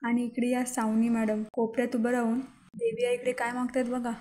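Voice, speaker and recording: Woman recap narrator, mellow voice, flat delivery, slightly high pitch. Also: a little fast. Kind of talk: voice-over episode recap.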